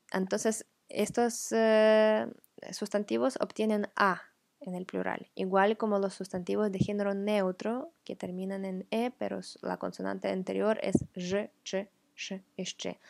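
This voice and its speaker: A woman with Ukrainian as her first language, patiently explaining grammar as a teacher and repeating example words slowly. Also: medium pitch, creaky, darkish tone, no echo.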